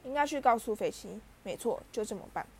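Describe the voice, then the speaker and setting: A woman's voice: on the high side, expressive, brisk, dark tone, breathy edge. A woman voicing a mischievous male poltergeist with a taunting, sing-song manner.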